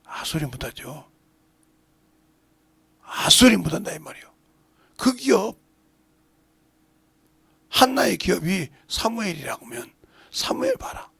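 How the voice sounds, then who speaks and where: A middle-aged Korean pastor with a Jeolla accent, preaching a sermon and breaking into loud acted-out lines. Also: male voice, high voice, huge pitch swings, measured pace, pauses often, dry recording. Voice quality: gravelly. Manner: preaching with sudden shouts and acted-out dialogue.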